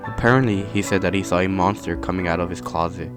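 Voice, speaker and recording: A man narrating a scary story in a calm, measured storytelling manner. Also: sits low, over music. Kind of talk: scripted horror narration.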